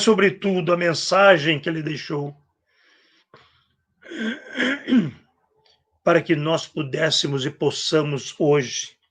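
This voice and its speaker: A man with a Brazilian Portuguese accent giving a reflective spiritist sermon, acting out gospel quotes and clearing his throat often. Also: a little high, fairly bright tone. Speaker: spiritist speaker. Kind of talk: spiritist sermon on a live stream.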